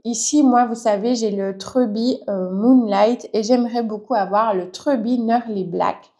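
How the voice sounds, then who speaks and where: A woman's voice: on the high side, mellow. Woman vlogger, casual and enthusiastic to camera, keeps stretching out her words for emphasis, a bit self-mocking. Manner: chatty, enthusiastic, self-deprecating. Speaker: plant vlogger. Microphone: reading from a notebook to camera.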